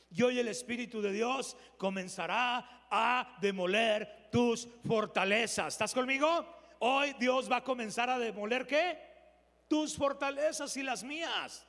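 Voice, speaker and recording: A man's voice: extremely high pitch, fairly bright tone, long reverb tail. A man preaching a sermon as pastor, firing rhetorical questions at the congregation and mimicking the voices of churchgoers.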